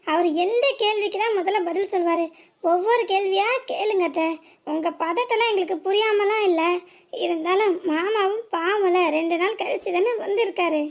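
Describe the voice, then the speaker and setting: A woman plays a patient young daughter-in-law in a cartoon who soothes her elders in a southern Tamil Nadu accent. Her voice is very high and steady. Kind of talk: cartoon voice acting.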